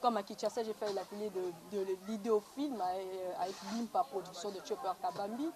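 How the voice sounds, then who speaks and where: A young woman from the Republic of the Congo, speaking with a Congolese accent, answers questions conversationally as a film actress being interviewed. Her medium-pitched voice moves a little fast, and crowd noise fills the noisy location recording.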